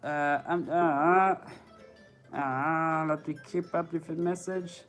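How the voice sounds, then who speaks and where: Speaking slowly in a slightly high, steady, fairly bright voice, a man from France with a French accent reads viewer questions from chat during his inline skating live stream. French is his native tongue, and he hesitates with fillers and laughs frequently, captured by a phone mic over faint music.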